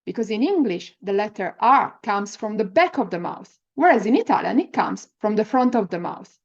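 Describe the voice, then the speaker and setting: A woman giving an encouraging language lesson on rolling the R, sounding out example words deliberately as a teacher. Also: medium pitch, sing-song, creaky, dull audio. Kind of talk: pronunciation lesson with slow, repeat-after-me example words.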